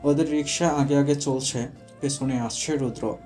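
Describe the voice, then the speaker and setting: A man narrating a romantic audio story in a steady storytelling manner. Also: medium pitch, unhurried, faint music behind.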